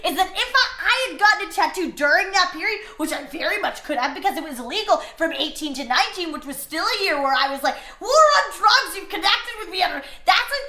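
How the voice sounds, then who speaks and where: A woman's voice: very high-pitched, lively intonation, quick pace, few pauses, pushed and bright. A young woman hosting a comedic advice show, rambling and self-deprecating. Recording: echoey room.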